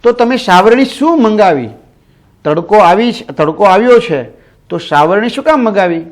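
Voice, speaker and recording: A bossy young daughter with a naturally loud voice, calling out in a hurry, as a man reads her part. Her voice sits high and keeps a pushing, urgent tone. It is a story read aloud in a lesson. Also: expressive, moderate pace.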